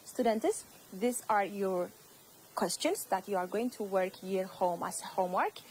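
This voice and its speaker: A woman teacher with an Ethiopian accent, whose first language is Amharic, gives a slow, repetitive English lesson to young students. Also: mid-range voice, a little mellow, slight background noise, rough recording. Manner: slow, repeats words, addresses students.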